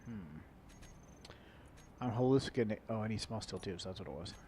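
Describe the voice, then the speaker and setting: Male let's play host, lowish nasal voice, rambling and muttering casually, cheap mic with faint chopper-like noise. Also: expressive, normal speed, mellow. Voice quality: nasal, congested-sounding. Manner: rambling, muttering to himself while playing. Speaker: gaming video host. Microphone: low-quality microphone. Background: helicopter-like equipment noise.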